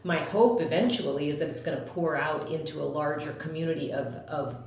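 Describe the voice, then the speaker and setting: A woman interviewer with a very low voice, supportive and encouraging her guest along. The room is echoey. A faint ambient noise sits behind her. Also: a little fast, darkish tone. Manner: supportive, frequent murmured affirmations. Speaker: interviewer, host. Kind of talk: interview conversation.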